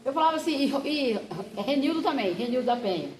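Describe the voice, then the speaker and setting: A woman's voice: high voice, fast talker, noisy background. A woman pastor teaches a Bible class, talking straight to her students and acting out anecdotes as she goes. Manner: chatty, animated storyteller who acts out quotes and addresses the class directly. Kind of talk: classroom lesson with personal anecdotes. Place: church classroom with a group of students. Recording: echoey church room with class audience.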